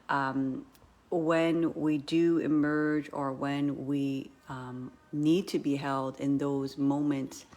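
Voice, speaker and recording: Woman yoga coach, guided meditation, low voice, slow unhurried pace, gentle and hesitant. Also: slight background noise. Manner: gentle, hesitant, many ums and pauses.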